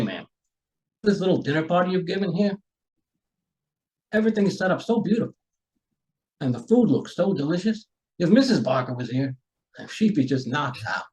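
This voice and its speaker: A man playing a folksy, rambling homicide sergeant in a radio mystery, chatty, halting and courteous. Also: high voice, a little mellow, poor audio. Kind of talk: amateur radio mystery acting.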